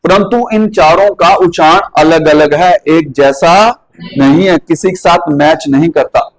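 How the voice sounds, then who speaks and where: High-voiced man with a Rajasthani Hindi accent drilling a class. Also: measured pace, rough recording. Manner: quizzing and drilling pronunciation. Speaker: teacher. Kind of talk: classroom lesson with questions to students.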